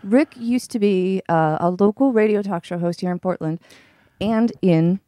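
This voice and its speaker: A woman hosts a casual livestream with a soft, mellow tone and a medium pitch. She banters playfully, rambling and stressing her points, recorded close and dry. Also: moderate pace, no echo. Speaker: livestream host.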